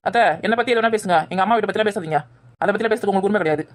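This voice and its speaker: A woman playing a defiant, cheeky young daughter-in-law in a village family skit, arguing back quickly. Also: mid-range voice, lightly acted. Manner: argumentative, talks back fast.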